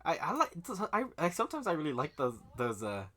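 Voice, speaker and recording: Dude going over a manga story, bright voice, swears a ton and laughs, does little voices for the characters. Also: male voice, a little high, huge pitch swings, brisk. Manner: swears a lot, laughs often, acts out characters' lines. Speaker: podcast co-host. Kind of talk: casual chat recapping manga.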